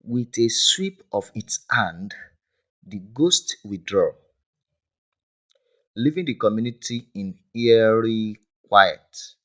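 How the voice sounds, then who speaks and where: A man's voice: lowish voice, animated, takes it slowly, long pauses, rough recording. A man narrating a dramatic folk tale in a grave storytelling manner. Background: loud background music.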